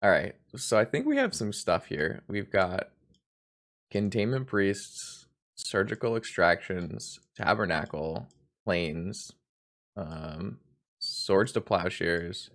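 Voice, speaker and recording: Male card game streamer, fairly low voice, hungover, self-deprecating and sweary, rambling live commentary. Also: lively intonation, takes it slowly, fairly bright tone.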